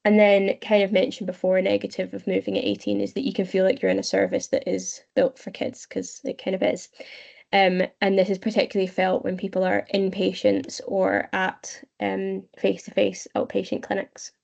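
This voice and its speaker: A Scottish woman in her twenties presenting an online webinar, explaining steadily with frequent pauses. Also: mid-range voice, completely flat delivery, gravelly, a little mellow, muffled recording. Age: 20s. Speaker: webinar presenter, young leader. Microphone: video call.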